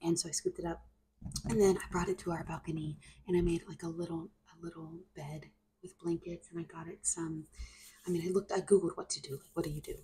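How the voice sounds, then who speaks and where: Woman, thirties, casual soft-spoken ASMR ramble, slightly low voice, close mic, faint noise. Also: steady tone, fairly quick, low-quality recording. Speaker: ASMR video creator. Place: home kitchen, indoors. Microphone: mini mic close up on counter or handheld.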